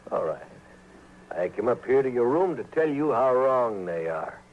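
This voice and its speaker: A man's voice: medium pitch, very animated, moderate pace, natural voice. Clegg Rawlins, sly drawling crooked sheriff acted by a man. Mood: oily, persuasive. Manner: folksy, slyly threatening. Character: corrupt, smooth-talking, menacing frontier sheriff. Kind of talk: old-time radio western acting. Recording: dull, hissy old radio recording.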